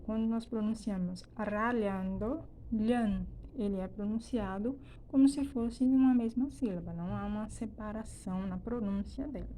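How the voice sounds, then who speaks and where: Warm-voiced woman teaching a lesson. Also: a little high, a little hiss or hum. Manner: explains slowly, with frequent "né?" and "então" restarts. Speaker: Spanish teacher. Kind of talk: recorded classroom lesson.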